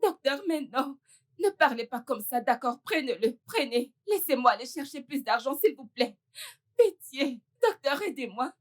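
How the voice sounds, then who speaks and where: A woman's voice: sits high, animated, normal speed. An actress playing a poor widow who pleads and sobs for her dying son in a dubbed film. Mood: pleading. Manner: pleading, sobbing, praying.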